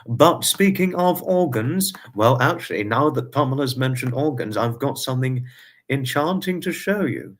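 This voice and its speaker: A man's voice: mid-range voice, animated, normal speed. Guy in his twenties chatting to his stream chat, kinda rambly, says things twice, oddly formal wording. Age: 20s. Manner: chatty, repeats himself, quaintly formal phrasing. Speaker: livestream host. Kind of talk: casual livestream chat with viewers.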